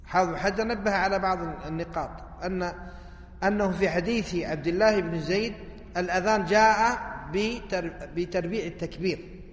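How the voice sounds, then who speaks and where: A religious teacher explains hadith texts, often pausing to ask his listeners a question before answering it himself. His voice sits high for a man. The recording carries a long, roomy hall reverb. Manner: asks rhetorical questions and answers them himself.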